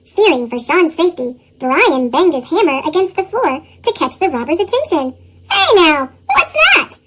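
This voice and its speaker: Chipmunk voice storybook reader, super high squeaky pitch, swoops around a lot. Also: sing-song, normal speed, fairly bright tone. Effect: sped-up, pitched-up chipmunk voice. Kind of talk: storybook read-aloud narration.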